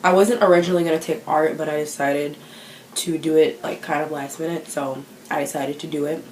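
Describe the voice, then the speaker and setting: A woman's voice: low-pitched, fairly even intonation, a little fast, a little mellow, reverberant, slight background noise, rough recording. A teenage girl chatting to the camera in a vlog, self-conscious and full of fillers. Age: teens. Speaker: vlogger. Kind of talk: casual chat.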